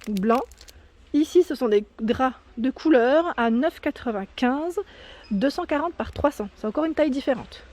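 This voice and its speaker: A woman with a fairly high voice strolls through a big store, recording on her phone. She reads off prices, sizes and product labels in a chatty, unpolished way, stopping to correct herself. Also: expressive, normal speed, darkish tone. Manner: chatty, reading prices and labels aloud with fillers and self-corrections. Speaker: shopping vlogger. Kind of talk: casual store walkthrough. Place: inside a large discount store.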